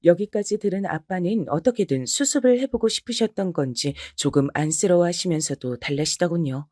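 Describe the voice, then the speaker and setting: A woman's voice: on the low side, fairly quick, warm tone, no echo, clean studio sound. A woman narrating a listener's story in the first person, in a confiding tone.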